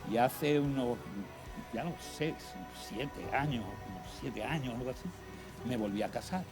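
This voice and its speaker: A middle-aged man speaks at an ordinary mid pitch, telling his own faith story in an earnest, conversational way. He pauses to reflect as he goes. Music plays clearly beneath his voice. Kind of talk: personal testimony talk. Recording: music playing behind the voice.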